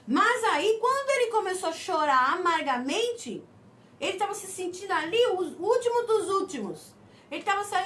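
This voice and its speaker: Woman pastor, very high animated voice, emphatic sermon delivery, slightly distant mic with faint noise. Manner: preaching with slow emphatic stresses and calls of amen.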